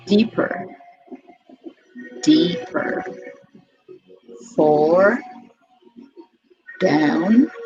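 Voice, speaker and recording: A woman speaking as a hypnotist, guiding relaxation in a slow, soothing delivery with long pauses and drawn-out repeated words. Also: fairly low pitch, a little mellow, muffled recording. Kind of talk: guided hypnosis relaxation script. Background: music.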